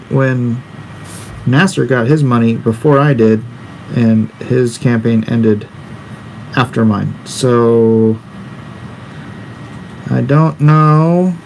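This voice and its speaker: A man in his forties with a medium-pitched, darkish voice hosts a live drawing stream as a comic artist, seated indoors at his drawing desk. Slangy and offhand, he reads and responds to viewer comments; the recording is low quality with slight background noise.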